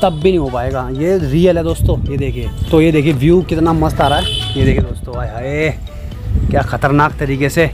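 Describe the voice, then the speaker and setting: A man's voice: on the high side, a little fast, music in the background. A young man vlogging from an open rooftop, chatting casually and calling out a kite match live. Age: young adult. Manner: chatty, keeps saying "friends" and "okay?". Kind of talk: casual demo and live commentary.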